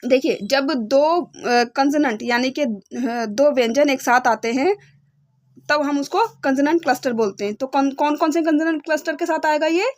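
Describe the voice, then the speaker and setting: Slowly and patiently, a young woman teaching English spells out letter sounds for beginner phonics students, frequently stopping to check they follow. Her voice is high and bright-pitched. There's no room echo; the sound is dry and close-miked.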